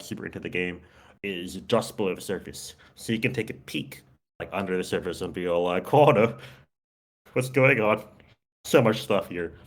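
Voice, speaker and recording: A man hosting a casual chat, talking eagerly with lots of fillers and laughs. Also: sits low. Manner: enthusiastic, many fillers and laughs. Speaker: podcast host.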